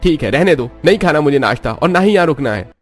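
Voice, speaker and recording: A man voicing a short-tempered young husband who talks in an irritable, shouting way. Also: fairly high pitch, a little fast, soft background music, pitched above the performer's own voice, natural voice. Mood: angry. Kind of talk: cartoon story voice acting.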